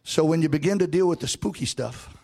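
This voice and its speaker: A male preacher delivers a fervent sermon in a Southern revival manner. His voice sits high for a man and has a heavy gravelly creak. He builds with repeated phrases, swinging from talky asides to shouted, almost sung exhortation. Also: brisk. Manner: swings between conversational asides and shouted, half-sung proclamation. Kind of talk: fervent revival-style sermon with call-and-response.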